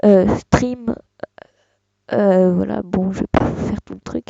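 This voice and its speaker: Young tutorial host, gravelly and mellow, hesitant delivery, dull dry desktop mic sound. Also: medium pitch, steady tone, slow, no echo. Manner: hesitant, many fillers and restarts. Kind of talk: casual screen-recorded tutorial.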